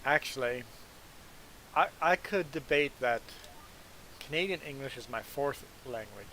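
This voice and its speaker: A Belizean game streamer whose first language is Plautdietsch (Mennonite Low German) chats in English with viewers in a casual, self-deprecating way. His medium-pitched voice is animated and sharp at a measured pace, and the rough recording carries a little hiss or hum.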